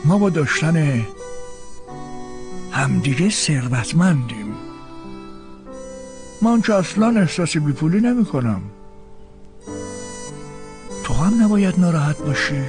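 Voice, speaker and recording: A man's voice: on the high side, sing-song, long pauses, over music. A man dubbing a patient husband who soothes his tearful wife. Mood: soothing. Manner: soothing, reassuring. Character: gentle comforting husband, patient and warm-hearted. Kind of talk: dubbed drama acting.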